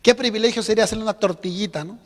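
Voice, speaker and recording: Animated high-voiced pastor. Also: male voice, rapid-fire. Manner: animated, acts out quotes, emphatic repetition. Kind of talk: sermon. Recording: long reverb of a church hall.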